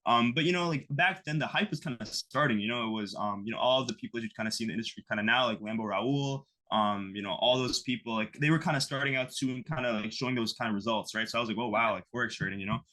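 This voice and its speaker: This East Coast American guy in his twenties talks quickly in a mid-range voice, pushed and bright, with hardly any pauses. Being interviewed, he rambles in a casual way, packing in fillers such as "you know" and "like."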